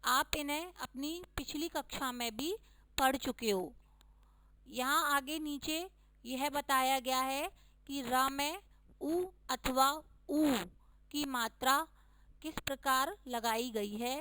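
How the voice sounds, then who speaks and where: Lady teacher doing a recorded lesson for little kids, high voice, takes it real slow and spells out each vowel. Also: sharp tone, clear, resonant tone, no echo, poor audio. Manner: slow, deliberate, stressing each vowel sign. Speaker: schoolteacher. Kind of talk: recorded class lesson for young children.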